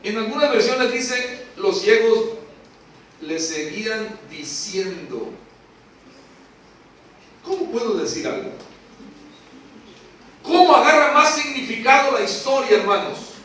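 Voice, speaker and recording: A man preaching a sermon, emphatic, swinging from hushed to shouting and asking rhetorical questions. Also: high voice, big pitch swings, takes it slowly, pauses often. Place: church hall. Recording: echoey hall, mic at a distance.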